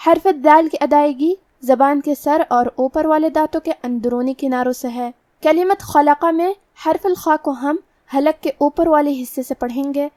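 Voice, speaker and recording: A woman teaching Quran recitation rules, explaining pronunciation slowly and methodically. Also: high-pitched, a little mellow, no room sound, clean studio sound, recorded from a distance. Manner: slow, careful, methodical explanation. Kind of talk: tajweed lesson, explaining letter rules.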